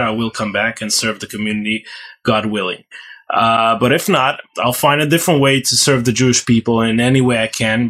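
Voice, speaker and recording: A man from Ukraine, a rabbi, answering interview questions earnestly and haltingly, with many fillers. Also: medium pitch, fairly bright tone. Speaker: rabbi, guest. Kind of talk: podcast interview.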